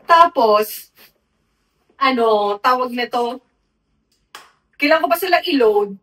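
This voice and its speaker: A woman's voice: high-pitched, slow, distant mic. A woman in her thirties, a podcast co-host, telling a comic story in mixed Tagalog and English. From Philippines. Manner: animated, laughing storyteller mixing Tagalog and English. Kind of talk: casual chat, comic storytelling.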